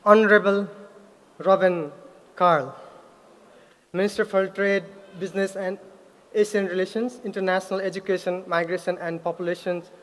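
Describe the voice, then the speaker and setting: A young man from Nepal with a Nepali accent, giving an earnest graduation speech with pauses and self-corrections. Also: high-pitched, fairly even intonation, fairly bright tone. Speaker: graduate speaker. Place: large ceremony hall. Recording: hall reverb.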